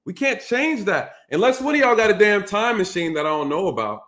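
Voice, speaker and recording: A man with a high, sing-song voice and fairly bright tone hosts a casual call-in live stream, talking fairly quickly. He speaks emphatically and repeats his points in a preaching cadence.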